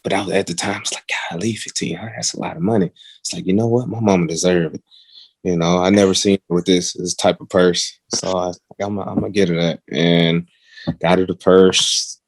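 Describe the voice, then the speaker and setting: A young man, a pro football player, casually telling a story on a podcast and jumping to a higher voice when quoting people. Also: steady tone, moderate pace, no room sound. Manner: acts out quotes in a raised, higher voice.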